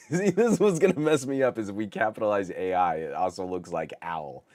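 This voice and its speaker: A middle-aged man hosting a live tech podcast, talking with a scratchy, sick-sounding voice in an excitable, over-the-top way with stammered restarts. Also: fairly low pitch, normal speed, no room sound. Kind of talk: casual live-stream chat.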